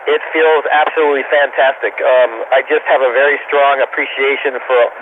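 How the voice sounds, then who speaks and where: Man on a static-filled ham radio call. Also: mid-range voice. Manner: calm, measured, plain-spoken answers with small hesitations. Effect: heard over a ham radio link from space, ending each answer with "over". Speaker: astronaut answering students' questions. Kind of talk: radio question-and-answer session. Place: aboard a space station, with fans and a treadmill nearby. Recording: tinny radio downlink with loud static.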